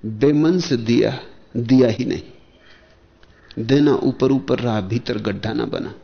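A man, a spiritual teacher, giving a discourse in measured short phrases with pauses and rhetorical questions. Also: medium pitch, vocal fry. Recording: dull lo-fi archival lecture tape.

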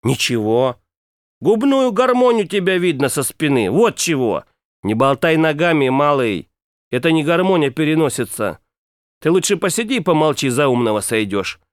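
A man's voice: fairly high pitch, very animated, normal speed, no echo, clean studio sound. A man doing a scornful snappish princess. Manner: snappish, dismissive. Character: sharp-tongued scornful woman, a princess on a train.

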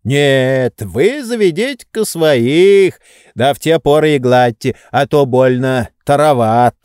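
A sneering, sarcastic coachman, taunting in a raised, mocking tone, as a man voices him in an audiobook. He speaks slowly, and the recording is dry and close. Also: mid-range voice, lively intonation, darkish tone, clear, resonant tone, no room sound. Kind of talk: audiobook reading.

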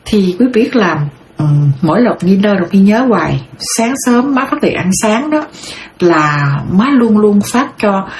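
A woman's voice: mid-range voice, darkish tone. A middle-aged woman from southern Vietnam with a Southern Vietnamese accent. She tells her life story in a rambling, heartfelt way and calls herself by her own name. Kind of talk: personal storytelling monologue. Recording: roomy sound with faint background noise.

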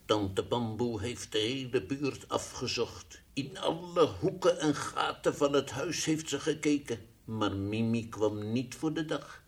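Toy lion in an old radio play, husky, draws his words out, swoopy voice, kinda fussy. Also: mid-range voice, animated, a little slow. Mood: gentle. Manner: teasing, then gentle and coaxing. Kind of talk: 1960s radio drama acting.

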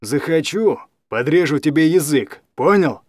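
A man's voice: on the high side, animated, unhurried, a little mellow, no room sound, clean studio sound. Man voicing a sullen young thug. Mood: menacing. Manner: grumbling, menacing.

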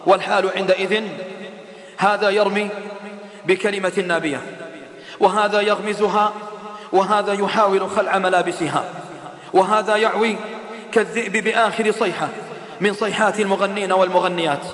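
A man's voice: high-pitched, steady tone, moderate pace, long pauses, fairly bright tone. A man preaching an impassioned sermon, calling out rhetorical questions to his listeners. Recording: echoey hall reverb.

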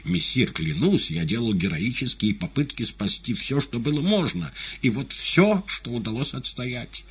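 A man voicing a boastful, excitable tomcat demon in an audiobook, talking theatrically and pleadingly. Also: mid-range voice, normal speed, a little hiss or hum, voice pushed up, natural voice. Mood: excited, theatrical. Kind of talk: audiobook character reading.

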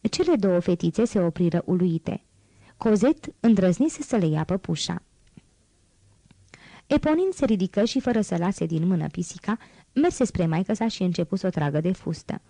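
Warm low-voiced woman reading a novel. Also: no echo, poor audio. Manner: steady, expressive literary reading. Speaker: audiobook narrator. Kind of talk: scripted audiobook narration.

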